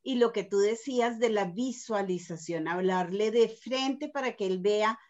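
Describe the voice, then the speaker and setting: A woman's voice: medium pitch, unhurried, darkish tone. Woman on a dull lo-fi recording, reflective. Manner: reflective, with frequent restarts. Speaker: mother. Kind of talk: casual expert discussion. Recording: dull lo-fi sound.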